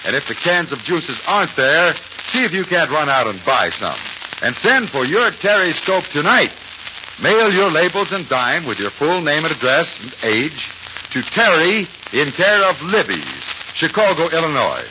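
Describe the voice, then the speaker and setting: A man's voice: fairly high pitch, big pitch swings, measured pace. An American man announcing in 1940s old radio style, talking like a chummy salesman addressing children. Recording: noisy, muffled 1940s radio recording.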